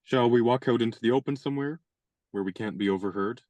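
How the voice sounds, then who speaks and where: A man plays a gallant young gentleman in a radio-play style, courteous and gently wry. His natural, mid-range voice sits at medium pitch as he speaks in measured, polite turns.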